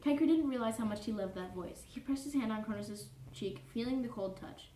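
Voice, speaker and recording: A woman's voice: on the high side, brisk, mellow, lightly acted. A woman voicing a prim, fussy young male troll who reads aloud in a pedantic, formal way, always correcting and apologizing. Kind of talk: cosplay character reading fanfiction aloud. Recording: roomy echo, distant mic, faint noise.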